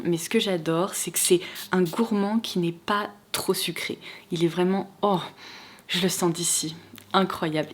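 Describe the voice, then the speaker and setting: A woman's voice: fairly low pitch, darkish tone. A young woman beauty vlogger presenting gift ideas to camera in an enthusiastic, gushing way.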